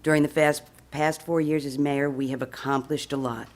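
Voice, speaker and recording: A woman, a mayor seeking renomination, giving a prepared speech at a community meeting and rushing through a long list of accomplishments. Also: low-pitched, little pitch movement. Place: community center meeting room.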